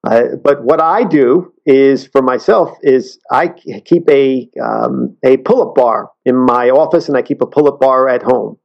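A man talking as an interview guest, earnest and halting, often restarting his sentences. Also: mid-range voice, gravelly, lo-fi sound. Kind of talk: casual interview talk.

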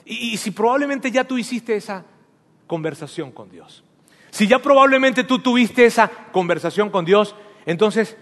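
A male pastor preaching an emphatic, animated sermon, addressing his congregation directly in a church. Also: high voice, moderate pace. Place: church sanctuary. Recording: long hall reverb.

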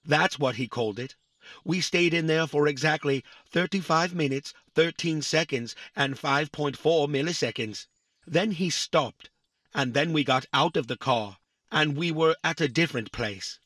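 A man's voice: on the high side, moderate pace, fairly bright tone, dry recording, lightly acted. A man voicing a literal-minded young boy robot in a family audio drama, stating times down to the millisecond. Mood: earnest. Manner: pedantic, counts exact milliseconds.

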